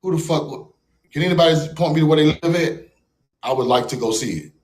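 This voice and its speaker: Ranting on his livestream, this American host turns mocking, combative, and profane. He speaks a little high and fairly quickly with a darkish tone, and the room adds an echo.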